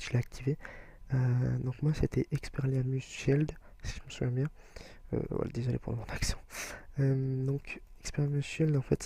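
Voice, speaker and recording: A young man talks through his gameplay in a casual way, explaining each step with lots of hesitation fillers. His voice is gravelly and husky, very dark in tone, and stays fairly flat. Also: medium pitch, dry recording. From France. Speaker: gaming video creator.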